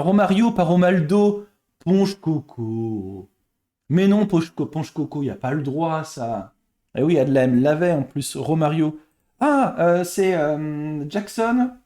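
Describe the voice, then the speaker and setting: A young man with a fairly high voice hosts a live game stream. He chats casually with his viewers, greets and thanks them, and thinks aloud as he hunts for quiz answers. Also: warm tone. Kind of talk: casual live-stream chat while playing quiz games.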